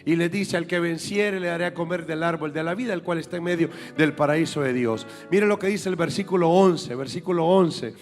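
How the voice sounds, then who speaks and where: Male preacher, high voice, emphatic sermon delivery, church setting with soft music underneath. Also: fairly quick, few pauses, in a large hall. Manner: emphatic, repeats key points for the congregation. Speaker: apostle and preacher. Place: church sanctuary.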